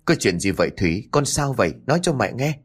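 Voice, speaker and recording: A man voicing a sharp-tongued middle-aged mother who scolds. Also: medium pitch, sing-song, fast talker, slightly rough. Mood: scolding.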